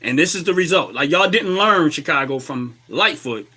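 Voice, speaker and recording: A man with an American accent hosting a casual, opinionated livestream commentary while a little under the weather, clearing his throat and repeating phrases for emphasis. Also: on the high side, lively intonation, normal speed, sharp tone. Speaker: livestream host.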